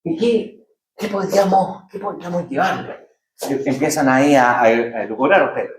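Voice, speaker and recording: A middle-aged man with a Chilean accent, a professor lecturing his class and telling lively anecdotes, acting out the characters. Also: a little high, moderate pace, a little hiss or hum. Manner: animated, acts out characters in anecdotes. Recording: echoey room from far off.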